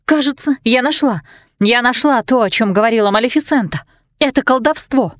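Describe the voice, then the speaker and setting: A woman's voice: fairly high pitch, a little fast, no room sound, voice pushed up, natural voice. A woman voicing a panicked young witch who speaks in a rush. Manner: panicked, breathless.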